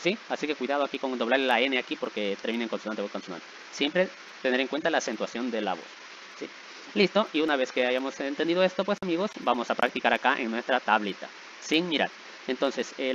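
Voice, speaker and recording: Grammar rules get a patient treatment from this English teacher, whose medium-pitched, somewhat bright voice moves briskly and animatedly. He keeps asking "¿verdad?" and "¿sí?" after each step, and the audio is a bit dull with faint hiss.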